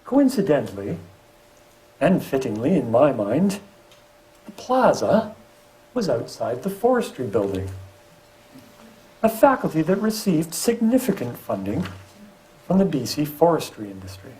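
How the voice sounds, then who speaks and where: A man's voice: a little high, unhurried, pauses often, poor audio. A middle-aged man, a professor and landscape architect, giving a public lecture with slides and dropping wry asides. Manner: lively delivery with wry asides.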